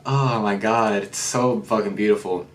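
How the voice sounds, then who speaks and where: A young man chatting casually in a vlog review, slangy and excitable, swearing freely. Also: lowish voice, moderate pace. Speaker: anime and manga reviewer. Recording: roomy echo.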